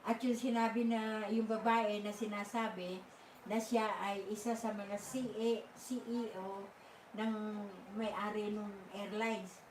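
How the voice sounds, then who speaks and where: Slow, halting older woman telling a story. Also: mid-range voice, little pitch movement, a little hiss or hum. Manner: halting, many fillers and restarts. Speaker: live stream host. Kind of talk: casual storytelling. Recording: echoey room, mic at a distance.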